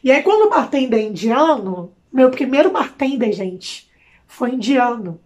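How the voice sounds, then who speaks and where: Chatty young Brazilian woman, high voice. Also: moderate pace. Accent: Brazilian Portuguese. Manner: chatty and expressive, with slang asides. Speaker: vlogger. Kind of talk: casual chat to camera.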